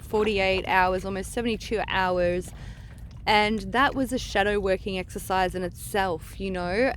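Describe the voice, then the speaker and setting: A woman speaks casually and earnestly to camera in a rambling, digressive monologue, outdoors by the water with rushing water around her. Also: medium pitch. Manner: earnest, digressive, trailing off mid-thought. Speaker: spiritual vlogger giving psychic energy guidance. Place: outdoors on a beach at the water's edge. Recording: outdoor recording with clear water noise.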